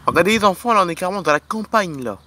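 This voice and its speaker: Guy doing toy movie narration, kinda high voice, excited and repeats himself. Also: racing, a little hiss or hum. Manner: enthusiastic, pointing things out, repetitive. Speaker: youtuber narrating a toy film. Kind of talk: playful toy film narration.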